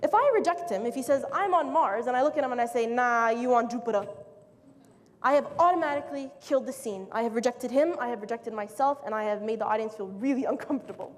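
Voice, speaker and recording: A young woman giving a casual, lively, joking motivational talk to an audience. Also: a little high, fast, hardly any pauses. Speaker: speaker. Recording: echoey hall, faint noise.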